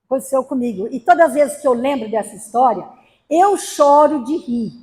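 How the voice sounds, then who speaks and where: Brief: high-pitched woman lecturer from Brazil, humorous storyteller. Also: animated, moderate pace, darkish tone. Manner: storytelling with acted quotes and humor. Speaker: spiritist lecturer. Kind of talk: spiritist talk to a gathering. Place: spiritist center hall.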